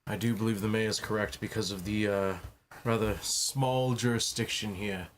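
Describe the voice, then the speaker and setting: A man playing a tabletop game, calm and wry as he describes his moves. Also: lowish voice, normal speed, a little hiss or hum. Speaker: player. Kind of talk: casual tabletop play.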